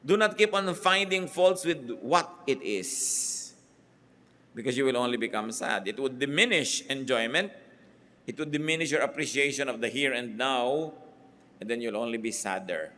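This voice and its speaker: Filipino pastor preaching with emphatic swings. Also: male voice. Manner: mixes Tagalog and English, emphatic swings in loudness and pitch. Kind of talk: sermon.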